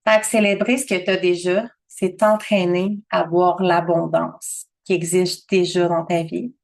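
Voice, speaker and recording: Québécois woman, 30s, lower voice, animated motivational coach. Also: unhurried, gravelly. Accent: Québécois French. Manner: chatty and animated, acts out her own thoughts in a higher voice. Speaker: abundance coach.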